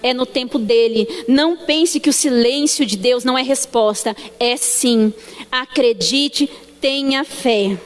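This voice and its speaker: A Brazilian woman with a high voice gives an emotional church testimony and acts out each exchange as she tells it. Her voice rings through a church hall with a long reverb behind it. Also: a little slow. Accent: Brazilian Portuguese. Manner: emotional storytelling that acts out dialogue. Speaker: church member giving testimony. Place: church sanctuary.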